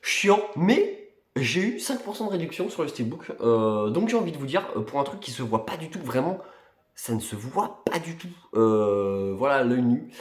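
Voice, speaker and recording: A young man vlogging casually about his new purchases, talking in a relaxed way with many fillers and restarts. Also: medium pitch, normal speed, roomy sound. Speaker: collector vlogger. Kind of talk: casual chat.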